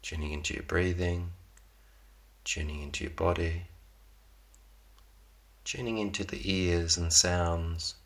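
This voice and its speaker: A man gently guiding a yoga class through a slow, calm relaxation with long pauses. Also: low voice, creaky. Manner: slow, soft, unhurried guidance with long pauses. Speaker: yoga teacher.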